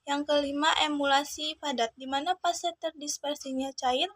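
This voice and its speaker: A woman's voice: sits high, steady tone, moderate pace, fairly bright tone, no echo. A teenage girl, a student from Indonesia, reads a school chemistry report aloud, carefully and phrase by phrase. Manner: careful list-like reading, phrase by phrase.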